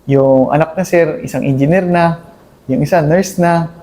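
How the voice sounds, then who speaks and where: His voice a little high with a warm tone, an army captain in his thirties describes combat to his interview host in a conversational way. The telling is earnest and halting, with many restarts, and he deferentially works "sir" into nearly every phrase.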